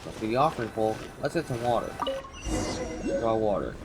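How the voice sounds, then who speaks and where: A man with a low, animated voice livestreams a game, giving casual commentary at a normal speed and reading the dialogue aloud. Video game music plays behind his voice.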